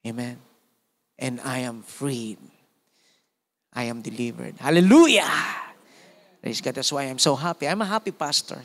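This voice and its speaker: A man in his forties with a Filipino accent, preaching a sermon in an animated way and often calling out amen and praise God. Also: mid-range voice, moderate pace, long pauses. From Philippines. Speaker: pastor.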